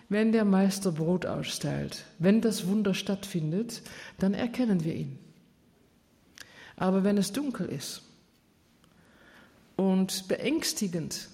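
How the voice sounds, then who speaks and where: A man preaching a sermon, retelling the story earnestly with dramatic pauses. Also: sits high, mellow. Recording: long church reverb.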